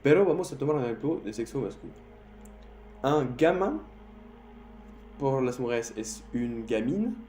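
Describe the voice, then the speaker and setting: A man's voice: mid-range voice, lively intonation, warm tone, slight background noise. Man teaching slang in Spanish. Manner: non-native Spanish, repeats words slowly to drill them. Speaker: French teacher. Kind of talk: slang vocabulary lesson. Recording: roomy echo, faint music.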